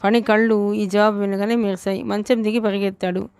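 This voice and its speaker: A woman reads a novel aloud for an audiobook, evenly, often correcting herself. Her voice is smooth and clear, with a flat tune. The close mic sounds dry. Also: mid-range voice, fairly quick, dry recording. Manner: even storytelling with frequent self-corrections. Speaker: audiobook narrator.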